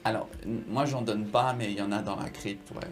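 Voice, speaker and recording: A man's voice: fairly low pitch, steady tone, brisk. A man, improvising narration and dialogue as a tabletop game master in a casual, hesitant way. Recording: music playing behind the voice. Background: music.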